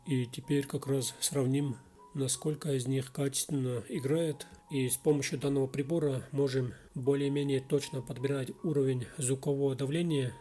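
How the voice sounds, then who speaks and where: A man's voice: medium pitch, steady tone, moderate pace, mellow, soft background music. A man narrating a product review voice-over in an explanatory, matter-of-fact way. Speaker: radio reviewer.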